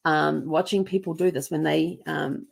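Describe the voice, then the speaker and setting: This middle-aged New Zealand woman hosts casual travel storytelling in an accent that mixes Kiwi and American. Her voice is deep, gravelly and a bit breathy, steady in tone and normal in speed. She rambles chattily, with plenty of ums and restarts, and puts on voices for other people.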